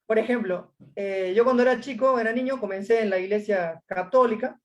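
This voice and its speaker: Recorded with a muffled sound, a man with a high voice speaks a little fast. Hailing from Córdoba and carrying an Argentine Spanish accent, he shares his story as a casual interview guest, full of hesitations and fillers.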